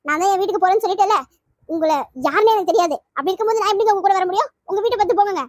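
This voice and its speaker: A performer voicing a distraught, timid young woman in a cartoon, pleading and suspicious in a very high girlish voice. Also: no room sound, studio quality. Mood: defiant, upset. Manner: quick, pleading, fretful talk. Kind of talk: cartoon voice acting.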